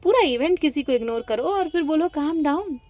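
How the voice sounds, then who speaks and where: A woman's voice: high voice, expressive, darkish tone, soft background music, pitched above the performer's own voice. A woman voicing Preet, a fiery jealous young woman. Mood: angry, sarcastic. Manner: angry, rapid, sarcastic retorts.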